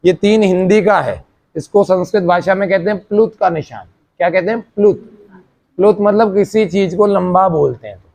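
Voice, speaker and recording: A man with a fairly high voice teaches a meditation class. He goes through each point step by step and keeps checking that his students have understood before moving on. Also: moderate pace, creaky, darkish tone.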